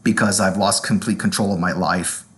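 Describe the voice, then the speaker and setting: A man's voice: sits low, steady tone, moderate pace, fairly bright tone. A man voicing a weary, despairing cartoon father in a dramatic reading, resigned and mumbling.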